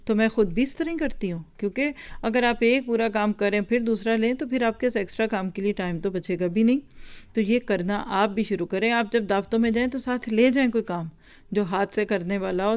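Reading aloud from a book and unpacking its words, a woman leads a religious lesson while speaking directly to those listening. Her voice is medium in pitch, clear and resonant.

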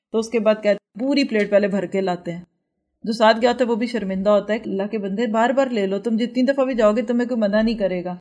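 A woman's voice: medium pitch, darkish tone. A woman giving a religious lecture, earnest and full of rhetorical questions to her listeners. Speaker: religious teacher.

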